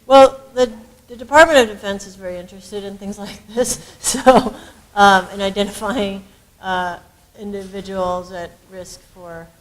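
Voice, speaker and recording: A researcher on an academic panel speaks a little slowly in a steady, medium-pitched voice, barely pausing. Her explanations are searching and reflective, filled with ums and restarts, captured on a low-quality recording.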